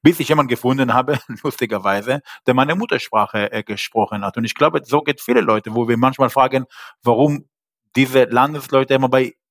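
A man with a mid-range voice speaks at a moderate pace as a podcast interview guest. German isn't his first language, and he talks hesitantly, with frequent fillers and grammar slips.

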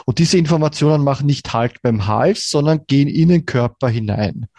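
A man in his forties with a Viennese accent, a brain researcher calmly explaining things as an interview guest. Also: mid-range voice, dry recording, studio quality. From Vienna, Austria. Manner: measured, calmly explaining with examples.

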